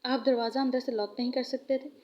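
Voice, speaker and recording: A shy, nervous young bride who pleads in a flustered rush, voiced by a woman with a fairly high voice. The recording is muffled and lo-fi. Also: fairly even intonation, fast talker, a little mellow, slight background noise, close to an everyday voice. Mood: pleading.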